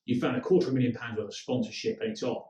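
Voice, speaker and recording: A man delivers a leadership training talk, direct and instructive, with a medium-pitched voice. He is picked up from some distance in an echoey room. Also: fairly even intonation, racing, mellow. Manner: direct, instructive, with acted-out quotes.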